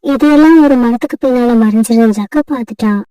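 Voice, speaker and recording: Mellow high-voiced woman narrating a storybook. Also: fast talker, dry recording, recorded from a distance, poor audio.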